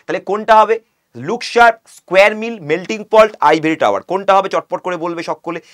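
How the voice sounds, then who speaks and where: A young man with a Bengali accent gives an exam-prep English lesson in a fairly high voice. He reads each question out slowly, then explains it by asking and answering his own questions. He sounds like an online coaching video. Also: a bit bright. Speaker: English teacher.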